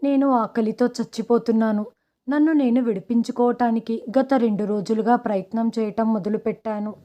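A woman reading a first-person story aloud in a steady, dramatic way. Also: on the high side, moderate pace. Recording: dull lo-fi audio.

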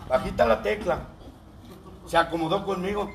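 A man's voice: high voice, fairly even intonation, moderate pace, vocal fry, fairly bright tone. A man with a Mexican Spanish accent giving a profane, mocking testimony at a recovery group meeting. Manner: crude, mocking, swears constantly. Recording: distant, roomy, noisy room recording.

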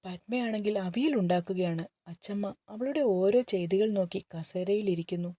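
A woman narrating a romantic novel in a calm, steady storytelling manner. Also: medium pitch, normal speed, no room sound.

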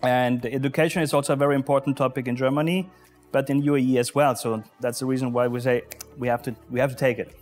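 Man, 40s, pavilion official, halting interview answers, lapel mic, faint music bed. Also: mid-range voice, steady tone, darkish tone. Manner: halting, many filler sounds, non-native phrasing. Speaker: pavilion deputy commissioner general. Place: exhibition pavilion indoors.

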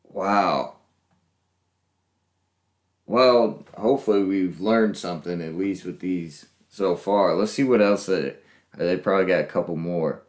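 A man hosting a reaction video, guessing aloud with lots of laughs and unsure pauses. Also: sits low, roomy sound. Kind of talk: casual reaction commentary.

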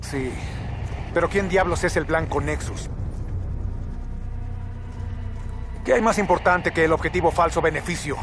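A man's voice: a little high, a little fast, music in the background, close to an everyday voice. A man playing a tense, exasperated special operative in a military game, urgent and gritty. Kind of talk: military shooter game acting.

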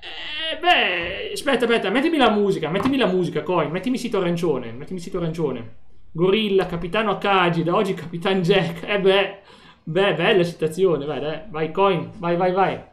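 A man's voice: high voice, expressive, normal speed, reverberant, slight background noise. A man streaming a video game, joking playfully with his chat and friends. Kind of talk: live gameplay stream chat.

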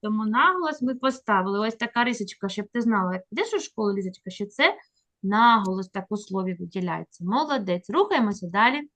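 A woman teaching a child to read on a video call, patient and encouraging, drawing her prompts out slowly. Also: medium pitch, expressive, fairly bright tone. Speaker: literacy teacher. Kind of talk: online reading lesson with a child.

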